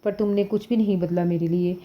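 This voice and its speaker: A man's voice: sits high, fairly even intonation, lo-fi sound, close to an everyday voice. A woman voicing a bitter, angry young husband.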